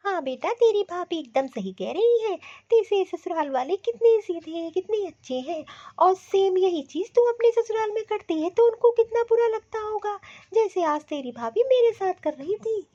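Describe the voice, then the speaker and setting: A woman's voice: extremely high pitch, expressive, normal speed, few pauses, warm tone, highs cut off. A woman voicing a scheming middle-aged mother-in-law in a cartoon, sarcastic and nagging. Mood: coaxing. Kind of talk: cartoon voice acting.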